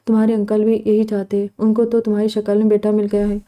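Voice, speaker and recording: A woman voicing an affectionate, gently joking middle-aged mother in an audiobook novel, in an even, mellow tone. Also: mid-range voice, lightly acted. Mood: fond. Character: fond, playful middle-aged mother and aunt.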